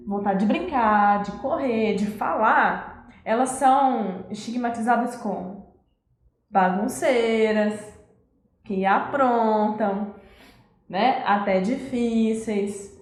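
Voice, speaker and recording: A woman's voice: mid-range voice, roomy sound. A woman educator giving a live talk on parenting, explaining patiently and acting out scolding parents.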